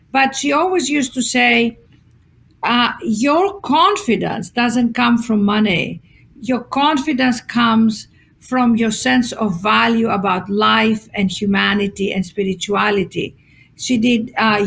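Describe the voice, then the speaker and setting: A woman's voice: a little high, creaky, husky. A woman speaks as a podcast guest, her voice sitting a little above the usual for a woman. She tells her stories expressively and slips into the voices of the people she quotes, with plenty of ums and restarts along the way. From Greece. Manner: expressive storyteller acting out quotes, many fillers. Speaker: guest author. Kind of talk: conversational podcast interview.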